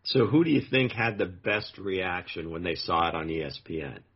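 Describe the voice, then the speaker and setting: Very deep-voiced husky man as interviewer, steady questions, lo-fi sound. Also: normal speed. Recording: dull lo-fi recording.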